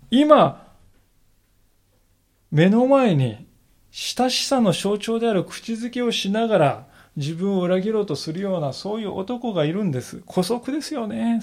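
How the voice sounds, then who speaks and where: A male pastor giving a sermon in an earnest, reflective way, slowing down to stress key phrases. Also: high-pitched, a little mellow. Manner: earnest, reflective preaching with emphatic slowed phrases.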